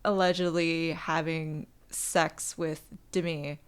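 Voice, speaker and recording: This woman co-hosts a chatty podcast. Her voice sits a bit low and sounds smooth and resonant. She wanders through her thoughts with lots of fillers and trailing sentences. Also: little pitch movement, takes it slowly. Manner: filler-heavy, trailing, gossipy. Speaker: podcast co-host. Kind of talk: casual chat.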